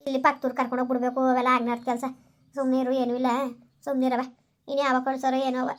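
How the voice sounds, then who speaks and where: Woman as village mother: high, rapid, scolding and tender, hobby drama. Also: level tone, natural voice. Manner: fast, scolding, emotional.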